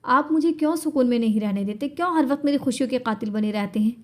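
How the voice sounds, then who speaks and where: Woman doing a defiant young wife, sharp and angry, in an audiobook drama, voice on the high side. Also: natural voice.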